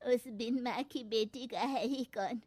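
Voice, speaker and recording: Woman voicing a slow, scolding old mother-in-law. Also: a little high, dry recording. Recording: loud background noise.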